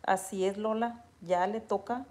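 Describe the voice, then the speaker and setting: This Mexican-accented woman keeps a measured pace and a mid-range voice while casually addressing her viewers. Between reading their comments aloud, she recounts stories with animated energy.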